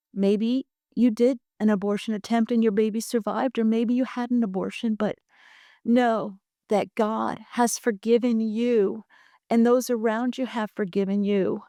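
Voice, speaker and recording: A woman's voice: on the high side, dark tone, dry recording, clean studio sound. A woman in her sixties telling a family story as a podcast guest, chatty and acting out what relatives said. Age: 60s. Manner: chatty, acts out quoted family dialogue. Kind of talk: personal storytelling in conversation.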